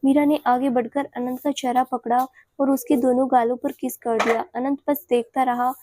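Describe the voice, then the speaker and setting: A woman narrating a romantic audio story in a steady, even storytelling manner. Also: high-pitched, normal speed, no echo.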